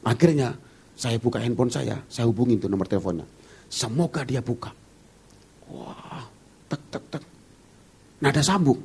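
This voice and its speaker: A male pastor preaching at a church service, telling humorous stories and acting out the dialogue in a lively way. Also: medium pitch, moderate pace, gravelly, pauses often, slightly rough. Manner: lively storyteller who acts out dialogue. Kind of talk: humorous sermon storytelling.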